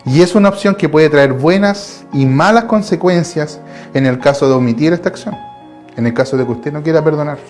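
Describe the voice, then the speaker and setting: Earnest Chilean preacher over soft guitar. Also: male voice, on the high side, fairly quick. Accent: Chilean Spanish. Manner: earnest, repeats phrases, frequent restarts. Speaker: lay preacher. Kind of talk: Bible study sermon. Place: his home.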